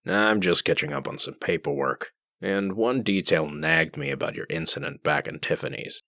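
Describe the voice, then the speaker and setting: A man playing a gruff, terse wolf sheriff in a comic dub, commanding, dryly sardonic and menacing. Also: rumbling low, moderate pace, pushed and bright, no room sound, clean studio sound, exaggerated voice. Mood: dry, prying. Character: gruff hard-boiled male wolf sheriff, menacing and dry.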